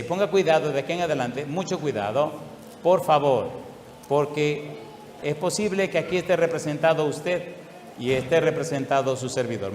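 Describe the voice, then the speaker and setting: A male pastor preaching a sermon, asking the congregation question after question and drawing out scripture readings slowly. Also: a little high, darkish tone. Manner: asks the congregation repeated questions; slow, drawn-out emphasis on scripture. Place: church hall. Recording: echoey hall, faint room noise.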